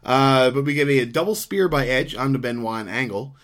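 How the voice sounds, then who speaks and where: A man in the middle of a loose podcast chat, walking through an old wrestling episode match by match. He rambles, trips over names, swears and laughs along the way. His voice sits at an ordinary pitch for a man. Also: fairly quick, fairly bright tone. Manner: rambling, profane, laughs often, frequent fillers. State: hiccuping. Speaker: podcast co-host. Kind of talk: casual wrestling recap chat.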